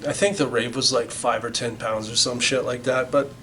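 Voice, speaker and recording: A man's voice: medium pitch, steady tone, moderate pace, bright, forceful tone, slight background noise, low-quality recording. Rambling, foul-mouthed middle-aged man. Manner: rambling, heavy swearing, many restarts. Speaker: band member recalling the band's origins. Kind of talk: casual storytelling. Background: music.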